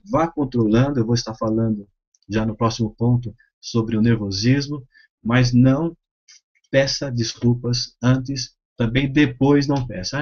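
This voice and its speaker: Pastor coaching new preachers, lo-fi sound. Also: male voice, medium pitch, a little mellow. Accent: Brazilian Portuguese. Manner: measured, advisory, with frequent hesitations and restarts. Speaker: pastor teaching a preaching course. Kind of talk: instructional talk. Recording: slightly dull, lo-fi sound.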